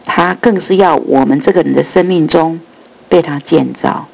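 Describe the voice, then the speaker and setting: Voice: medium pitch, normal speed, creaky, a little mellow, poor audio. A preacher giving an earnest Bible sermon, with slightly lisping, air-leaking speech from missing front dentures. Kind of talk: sermon and Bible teaching, with prayer and read-aloud scripture.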